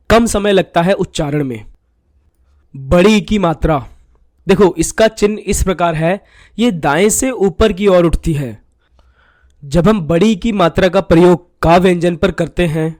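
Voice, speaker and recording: A man explaining a grammar lesson in a slow, explanatory way, often telling the listener to look. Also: high voice, darkish tone, no echo, clean studio sound. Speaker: teacher. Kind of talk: scripted Hindi grammar lesson.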